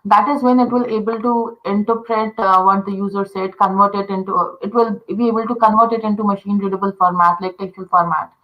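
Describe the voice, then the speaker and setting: A woman from India whose first language is Telugu speaks at a medium pitch with fairly even intonation, talking fairly quickly and barely pausing, though the audio sounds dull. She's a voice interaction designer in a casual interview, patiently explaining how voice assistants work and filling her speech with "uh" and "you know."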